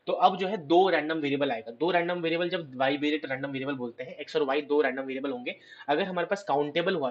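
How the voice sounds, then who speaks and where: A hoarse man teaching a math lecture, asking questions and answering them himself. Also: on the high side, highs cut off. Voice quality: clears his throat. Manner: explains step by step, asks and answers his own questions. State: hoarse, scratchy throat.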